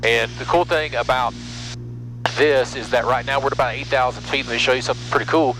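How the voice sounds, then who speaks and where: Flying a small prop plane, this middle-aged American pilot and vlogger chats and explains things casually into his aviation headset. His medium-pitched voice stays fairly even and moves quickly. Music plays underneath, the recording is rough, and loud engine hum and intercom sound fill the cockpit.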